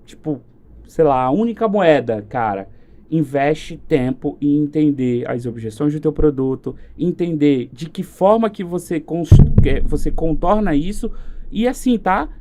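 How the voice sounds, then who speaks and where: Mellow-voiced Brazilian man, animated. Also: on the high side, a little slow, slight background noise. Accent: Brazilian Portuguese. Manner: animated, acts out quoted exchanges. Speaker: marketing specialist guest. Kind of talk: casual podcast chat.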